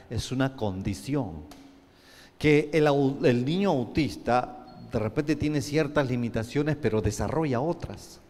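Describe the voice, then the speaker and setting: A man's voice: mid-range voice, a little mellow, big-room sound. A man preaching a sermon as pastor, telling stories with frequent restarts. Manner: storytelling, acting out quoted voices, many restarts.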